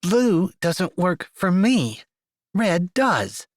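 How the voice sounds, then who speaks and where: A man voicing a bossy, stubborn young woman in an audiobook romance, with a sharp, insistent delivery. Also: sits high, sing-song, a little slow, no echo, clean studio sound, voice pushed up.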